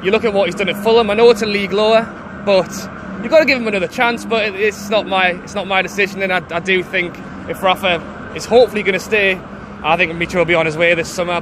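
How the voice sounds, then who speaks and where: High-voiced man with traffic noise behind. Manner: thoughtful, hedging, laughs it off. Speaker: football fan interviewee. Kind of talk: casual opinion. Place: outdoors on a city street. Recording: loud street and traffic noise.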